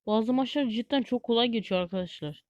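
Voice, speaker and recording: A woman giving live gameplay commentary as a gaming YouTuber, excitable and easily frustrated, chatting to viewers like friends. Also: on the high side, fairly quick, no echo, lo-fi sound.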